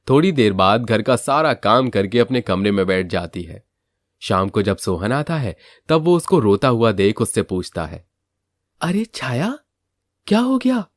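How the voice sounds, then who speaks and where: A man narrating a moral storybook tale in a steady, even way. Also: fairly low pitch, no room sound, clean studio sound.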